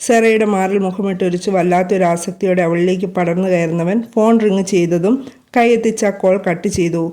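A woman reading a romance story aloud in a gentle, steady narration. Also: on the low side.

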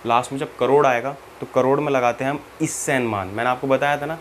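Speaking quickly in a mid-range voice, with a little hiss or hum on the audio, a man teaches Japanese. He patiently repeats every step and checks the learner follows, spelling out each example and mixing in English terms.

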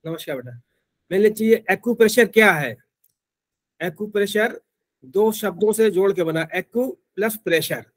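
A man's voice: high-pitched, moderate pace. A man teaching acupressure in an online class, explaining informally with frequent restarts and fillers.

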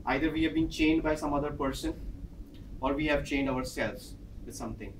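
Pacing a large office training room, a northern Indian man in his thirties, a Hindi speaker with an Indian English accent, gives a lively prepared speech at a club meeting, telling personal stories and acting out dialogue. His voice is fairly high and a little fast, recorded from afar by a camera with echo and slight background noise.

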